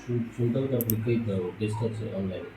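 A man at home gives quick, brief, offhand replies. He sounds distant from the mic in an echoey room. Loud background noise sits under his voice. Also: on the low side. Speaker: vlogger's husband. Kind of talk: casual offhand chat. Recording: roomy, distant, noisy home audio.

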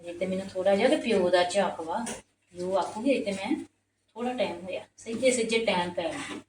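A woman's voice: mid-range voice, a little fast. Complaining woman in an echoey room. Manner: sharp, complaining, argumentative. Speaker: stepmother character in a family skit. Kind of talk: Punjabi family drama skit. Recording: roomy echo, distant mic, noisy background.

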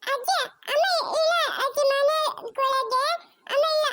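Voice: very high voice, fairly even intonation, unhurried, dry recording, studio quality. A performer voicing a small cartoon boy who whimpers and sobs for his mother. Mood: whimpering. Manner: whimpering, sobbing. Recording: loud hiss behind the voice.

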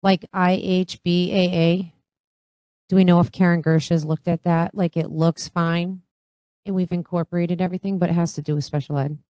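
A woman's voice: on the low side, flat delivery, moderate pace, warm tone, clear, resonant tone, dry recording. A woman on a school board going carefully over policy details. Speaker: board member.

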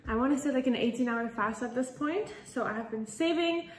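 Casting: chatty young female vlogger, slightly high voice, echoey room with some noise, eating on camera. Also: a little fast. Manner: chatty and bubbly, laughs between phrases. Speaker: vlogger host. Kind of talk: casual chat mukbang vlog.

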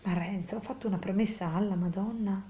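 A woman reading aloud, voicing a frail, pious young peasant woman who speaks softly and fearfully, half whispering. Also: mid-range voice, steady tone, fast talker, lo-fi sound, natural voice. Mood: sorrowful.

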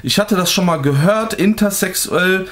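A man's voice: sits high, moderate pace, a bit bright. A young man talking straight to the camera in a vlog, telling a long personal story in loose slang, full of fillers and restarts. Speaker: vlogger. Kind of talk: casual storytelling.

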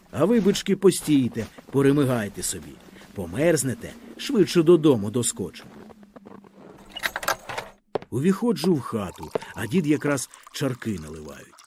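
A man reading a literary story aloud with lively, expressive storytelling in a boy's first-person voice. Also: medium pitch, slight background noise. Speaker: audiobook narrator.

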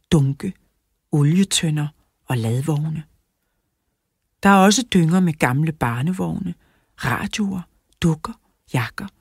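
A woman narrating a children's audiobook in a clear, even storytelling manner, close to the mic. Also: deep voice, no room sound. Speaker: audiobook reader.

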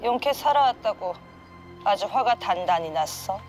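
A shrill, scolding female shaman, put on by a male storyteller. The voice leaps high and swings widely. Ominous music plays under it. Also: expressive, normal speed. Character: furious female shaman spotting a ghost.

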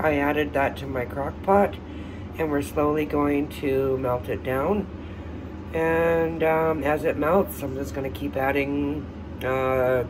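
A man talks his way through a home how-to, chatty and unhurried, with plenty of ums along the way. He sits back from the microphone in a kitchen, and an air conditioner hums clearly behind him. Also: on the high side. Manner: chatty, thinking aloud with fillers. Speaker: soap-making vlogger. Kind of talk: casual how-to vlog. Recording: distant mic, air-conditioner hum.

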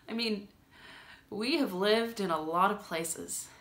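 Bright, rambling, emotional young woman acted by a woman. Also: mid-range voice. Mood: nervous, incredulous. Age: young adult. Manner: halting, rambling, repeating words, swinging between nervous laughter and tearfulness. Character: rambling, emotional, self-conscious woman lonely for human connection. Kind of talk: dramatic stage monologue, naturalistic acting. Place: small room indoors with bare wall. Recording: roomy echo.

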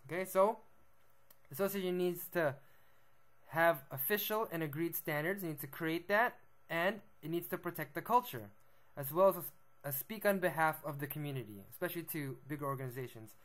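A man's voice: on the high side, moderate pace, a bit bright. A young man, a b-boy, talking through a list of points in a casual monologue and often checking in with "okay?" and "right?". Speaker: b-boy vlogger.

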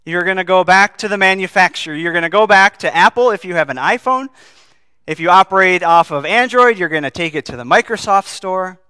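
A man's voice: high-pitched, a little fast, bright, forceful tone, clean tone, dry recording, clean studio sound. A man who is a pastor, preaching a sermon and reading scripture aloud, earnest and asking the congregation questions.

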